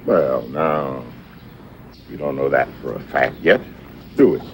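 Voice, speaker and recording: Brief: an older, wise film grandfather, very deep, gentle and steady, outdoors with faint ambience. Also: slow pace, a little hiss or hum. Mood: reassuring. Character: wise, patient old grandfather in a film drama. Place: outdoors by a porch.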